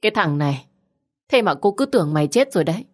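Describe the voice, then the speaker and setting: A woman voicing a fussy middle-aged aunt who scolds in a shrill, rapid voice. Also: a little mellow, lightly acted. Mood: scolding.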